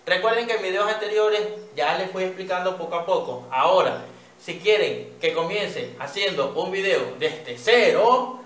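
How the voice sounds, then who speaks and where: A man teacher giving a children's reading lesson, patiently sounding out words slowly and checking in with "¿ya?". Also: sits high, animated, fairly bright tone, echoey room, a little hiss or hum.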